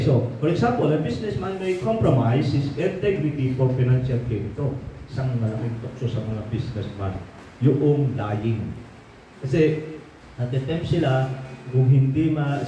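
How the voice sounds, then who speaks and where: A man's voice: medium pitch, dark tone. Man preaching in a very echoey hall. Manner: mixes English phrases into preaching, frequent rhetorical checks; grows fervent and emphatic when rebuking. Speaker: pastor. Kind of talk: sermon. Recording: very echoey hall, mic at a distance, faint room noise.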